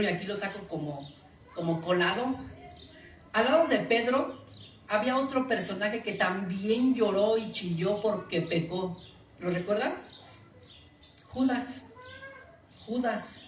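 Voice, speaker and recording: Male pastor, sermon delivery, distant mic in an echoey church with faint room noise. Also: high-pitched. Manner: preaching with rhetorical questions and acted quotes. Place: church hall.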